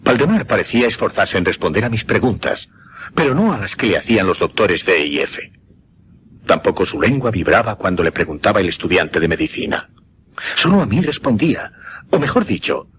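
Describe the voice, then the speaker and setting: In a suspense radio drama, an actor plays an intense mesmerist recounting a macabre experiment, his delivery deliberate and emphatic with a Castilian Spanish accent. His male voice is low-pitched yet a bit bright, with a little hiss or hum on the recording.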